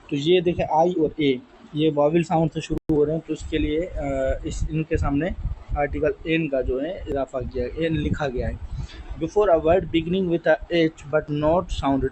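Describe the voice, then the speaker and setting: A man teaches grammar in a slightly higher voice. He explains slowly and patiently and keeps reassuring his students. Faint noise hums behind him. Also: darkish tone, poor audio. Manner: patient, addresses students as beta. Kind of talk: grammar lesson.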